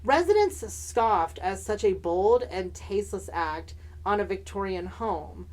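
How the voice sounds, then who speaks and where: A woman's voice: mid-range voice, expressive, measured pace, a little mellow, rough recording. A woman with a mid-range voice co-hosts a podcast. She is sassy and campy, throwing slang and playful swearing into casual, comedic storytelling that moves between read narration and chat. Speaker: podcast co-host.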